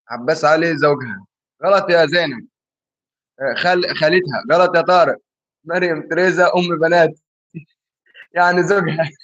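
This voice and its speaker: A man's voice: fairly high pitch, fairly bright tone, highs cut off. A man with an Egyptian Arabic accent hosting a casual livestream, playfully teasing viewers as he reads their answers to a riddle. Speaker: livestream host. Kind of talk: casual livestream chat reading viewer comments.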